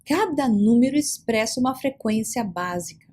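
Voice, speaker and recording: A woman giving a long, rambling explanation in answer to questions, often repeating herself and slowing down to stress terms. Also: a little high, animated, darkish tone. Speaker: esoteric speaker answering questions. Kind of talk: explanatory talk.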